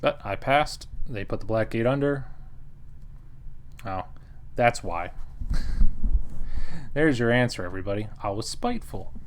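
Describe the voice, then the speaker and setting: A man talks through a board game he played, in an easy, wry, conversational way. He laughs often at his own moves and acts out lines from the table. His voice sits at an ordinary middle pitch. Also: animated, unhurried, long pauses, slight background noise. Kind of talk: casual game recap commentary.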